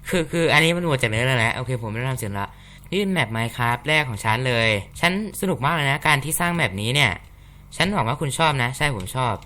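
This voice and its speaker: A man's voice: medium pitch, pushed and bright, slight background noise. A man hosting a gaming channel, chatting casually and reacting aloud as he plays through a horror map. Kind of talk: casual game commentary.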